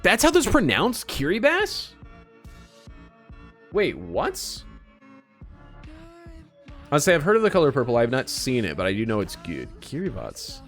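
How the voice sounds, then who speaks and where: Streamer, late twenties, lively up-and-down voice, rambling self-mocking banter, faint music under it. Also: male voice, a little high, normal speed, gravelly, pauses often. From United States. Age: late 20s. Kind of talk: casual chat while gaming.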